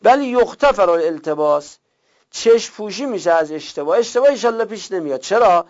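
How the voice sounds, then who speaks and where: Man, grammar teacher, slightly high voice, reads slowly then explains quickly, drills word forms, dull lo-fi recording. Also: expressive, darkish tone. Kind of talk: classroom lecture, reading and explaining a text.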